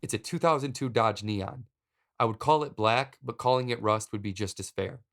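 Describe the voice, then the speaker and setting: Brief: male podcast host, gravelly voice, medium pitch, dry comic storytelling. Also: moderate pace. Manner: wry, deadpan comic storytelling. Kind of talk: storytelling narration.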